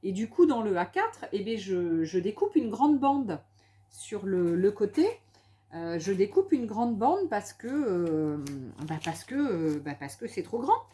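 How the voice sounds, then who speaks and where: Speaking unhurriedly in a dark, medium-pitched voice, this French woman is very animated as she shows off craft supplies from home. Her casual vlog chat is enthusiastic and peppered with hesitations and repetition.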